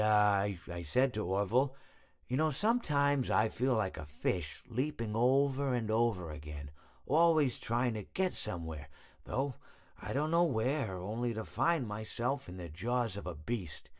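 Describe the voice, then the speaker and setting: Rambling, long-winded animatronic hippo with lively intonation. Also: male voice, fairly low pitch, a little slow. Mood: reflective, rambling. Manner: rambling, hesitant, meandering, self-correcting. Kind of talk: storytelling monologue, video game voice acting.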